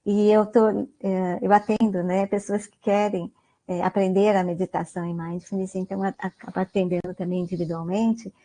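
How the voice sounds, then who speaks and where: In a mellow, level, medium-pitched voice at a normal pace, a woman with a Brazilian Portuguese accent gives an online mindfulness talk as a guest lecturer. She's conversational, tags many sentences with "né?" and asks her listeners questions.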